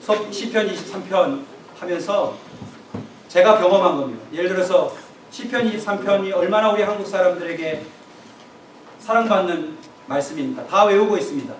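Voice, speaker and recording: A man's voice: high-pitched, moderate pace. A man giving an emphatic, exhorting seminar lecture on preaching, speaking straight to his audience. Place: lecture room. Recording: roomy echo, voice from far off, faint room noise.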